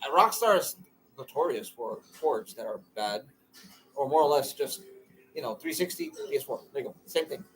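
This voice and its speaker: A man's voice: medium pitch, big pitch swings, moderate pace, a bit bright, slight background noise, poor audio. A man co-hosting a casual chat podcast, talking in earnest, rambling runs and steering the topics. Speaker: podcast co-host.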